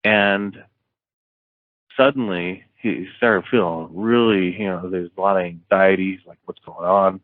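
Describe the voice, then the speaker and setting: A man on a podcast interview, retelling a story in a loose, rambling way full of fillers and restarts. His voice is very low and sounds thin and tinny, like a phone line. There is no room echo. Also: a little slow. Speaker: author guest.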